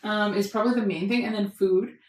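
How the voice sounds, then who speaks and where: A woman's voice: medium pitch, fairly even intonation, quick pace. A young adult woman co-hosting a podcast, talking in a chatty, giggly way and saying "like" a lot. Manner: giggly, chatty, says "like" often. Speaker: podcast co-host. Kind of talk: casual chat. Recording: roomy, a bit off-mic.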